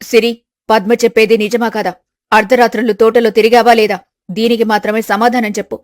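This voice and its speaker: A woman voicing a stern middle-aged mother-in-law in an animated story, demanding a straight answer. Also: on the high side, fairly quick, dry recording, studio quality, close to an everyday voice.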